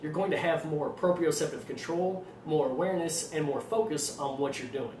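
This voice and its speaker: A man with an Arkansas accent explaining things informally as a trainer, in a fairly monotone voice with a slight tendency to stutter. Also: fairly high pitch, moderate pace. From Arkansas, United States. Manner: self-described monotone delivery. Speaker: fitness trainer presenting supplement advice. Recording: roomy echo, distant mic, faint noise.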